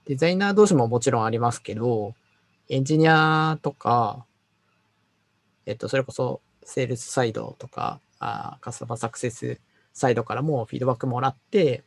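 A man with a husky, gravelly voice picks his words slowly, stumbling and filling pauses as he explains how feedback reaches him. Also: medium pitch. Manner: hesitant, many fillers and stumbles. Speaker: designer. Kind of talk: casual work conversation.

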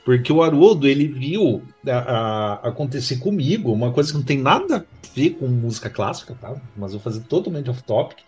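A man co-hosting a casual podcast, telling joking anecdotes in an animated way. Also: mid-range voice, brisk, hardly any pauses, husky, faint music behind. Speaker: podcast co-host. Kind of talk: casual chat.

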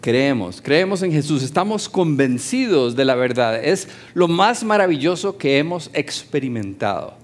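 A pastor preaching in a fairly high voice. He talks with his congregation more than at them and keeps asking them questions. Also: sing-song, normal speed, few pauses. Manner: conversational, asks the congregation questions. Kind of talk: sermon. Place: church hall, also streamed.

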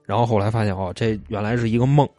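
A man's voice: lowish voice, steady tone, quick pace, warm tone, dry recording, faint music behind. A man, telling stories in a casual chat, retelling them loosely with asides. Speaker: storyteller.

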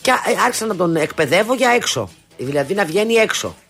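Lively animated woman telling stories. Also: mid-range voice, faint music behind. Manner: animated storytelling with restarts and acted quotes. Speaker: talk show co-host. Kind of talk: casual chat.

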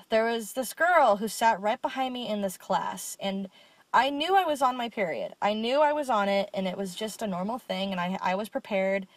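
A woman's voice: medium pitch, moderate pace, dry recording. A young woman co-hosting a podcast, telling stories candidly and swearing freely in casual chat. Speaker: podcast co-host.

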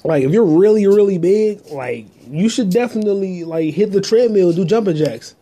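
Brief: male podcast host, mellow husky tone, crude rambling talk into a handheld phone. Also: high voice, lively intonation, moderate pace. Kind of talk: casual solo monologue. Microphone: phone held in hand.

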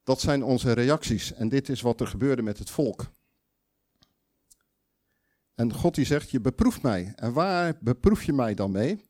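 A man's voice: medium pitch, expressive, unhurried, pauses often, a little mellow. Guy preaching, chatty and emphatic, keeps asking the crowd stuff, mid voice. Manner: conversational, emphatic, with quoted voices and restarts. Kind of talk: sermon with audience questions.

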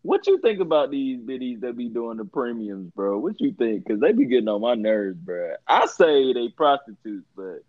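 Animated young man in slangy bro talk. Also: mid-range voice, moderate pace, hardly any pauses, no room sound. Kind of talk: casual banter. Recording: dull, dry lo-fi sound.

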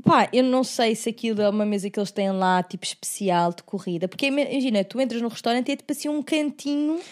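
A young woman, telling stories in a casual, animated, slangy podcast chat and acting out quoted remarks. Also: a little high, quick pace. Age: young adult. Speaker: podcast co-host.

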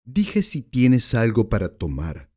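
A man's voice: medium pitch, huge pitch swings, takes it slowly, warm tone, breathy edge, full character voice. A man voicing a menacing male hitman who taunts people with mocking questions in an audiobook. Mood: curt. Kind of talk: audiobook character voice.

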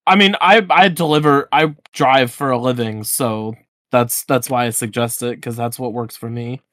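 A man's voice: mid-range voice, moderate pace, a bit bright, no echo. A male podcast co-host chatting casually, chiming in with offhand suggestions. His voice is dry and close, with no room sound. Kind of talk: casual chat.

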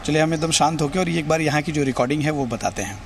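This fast-talking TV news reporter has a creaky voice on the high side. Standing on noisy city streets with traffic around, he explains the scene and points things out directly to viewers.

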